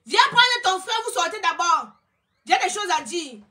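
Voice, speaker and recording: A woman's voice: extremely high pitch, big pitch swings, normal speed, pushed and bright. A woman, a film producer ranting and scolding her viewers on a live social media video. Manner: scolding, mocking, insulting. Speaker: film producer running a casting.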